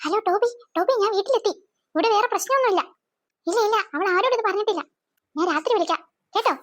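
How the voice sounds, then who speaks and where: A woman voicing a sly teenage girl, a bossy elder sister who talks in a hushed, secretive way in a cartoon. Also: very high voice, expressive, fast talker, no echo, clean studio sound. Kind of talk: cartoon voice acting.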